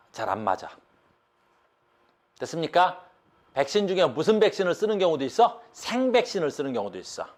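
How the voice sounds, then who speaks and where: A middle-aged man teaching a biology class, lecturing and constantly quizzing his students with quick check-in questions. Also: on the high side. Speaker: high school biology teacher.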